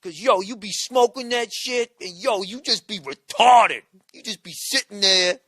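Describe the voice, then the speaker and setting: A man voicing a stoned young man who brags in a loud, slow street drawl, pitched above his own voice. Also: dry recording, full character voice. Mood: boastful, dazed.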